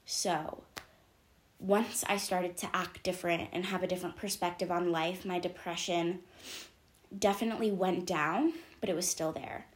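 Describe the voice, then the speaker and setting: Her voice is lowish, steady and a little rough, moving at a normal speed. The late-teen girl, sniffling from allergies, chats candidly into her camera in a casual, rambling vlog packed with "um"s and "like"s.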